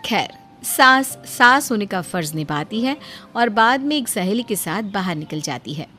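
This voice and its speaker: A woman's voice: mid-range voice, animated, a little slow, bright, forceful tone, faint music behind. A woman narrating a cartoon story in a wry, storytelling manner.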